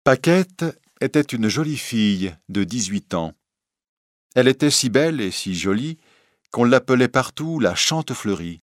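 A man reading a story aloud in scripted narration, expressive and storytelling. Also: mid-range voice, unhurried, dry recording, clean studio sound.

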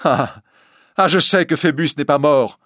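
A man voicing a frightened yet defiant young woman in a storybook reading, speaking high and trembling. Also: moderate pace, a bit bright, no room sound, clean studio sound, natural voice.

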